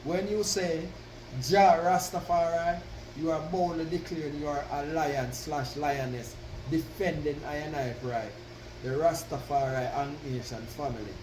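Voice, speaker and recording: A Rastafari man with a slightly high voice addresses his followers in Rasta speech, reading a piece he wrote as a devotional address. He speaks slowly and deliberately, proclaiming with weighty pauses and emphatic declarations. The roomy recording uses a distant mic, with constant noise in the background.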